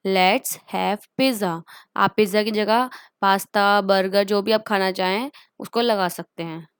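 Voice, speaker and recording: A woman with an Indian accent teaching everyday English phrases. She says each phrase twice, very slowly, then explains it quickly. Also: medium pitch, steady tone, clear, resonant tone, dry recording, studio quality. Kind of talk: spoken English lesson.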